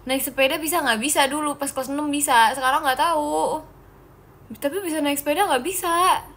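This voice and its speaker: Bright, playful young woman. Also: high voice, a little fast. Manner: playful, giggly, teasing, addresses viewers as "guys". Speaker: idol live-streamer. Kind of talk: casual live-stream chat reading comments.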